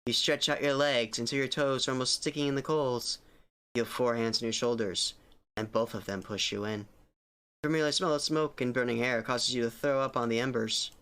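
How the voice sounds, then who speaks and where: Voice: medium pitch, fairly quick, fairly bright tone, smooth, voice pushed down, lightly acted. A streamer voicing the somber narrator of a horror game, reading scripted text aloud. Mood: somber, steady.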